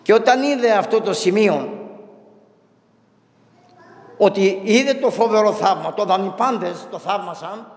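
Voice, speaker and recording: High-voiced preacher in an echoey hall. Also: male voice. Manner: retells saints' stories, acting out their lines in a slowed voice. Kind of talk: sermon storytelling.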